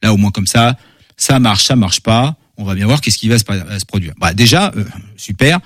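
A man's voice: lowish voice, lively intonation, normal speed, a bit bright, dry recording, clean studio sound. A man, a comic book author, chatting casually in an interview with lots of fillers and repeated words.

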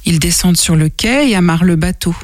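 Expressive woman reading a children's story. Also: fairly low pitch, quick pace, dry recording, studio quality. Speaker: storybook reader.

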